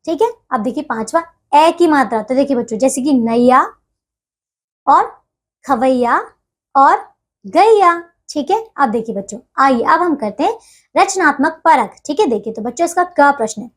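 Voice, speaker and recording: A woman's voice: sits high, animated, normal speed. A woman teaching a grammar lesson to young children, talking patiently and checking in with them again and again. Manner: patient, repeats checks with listeners often.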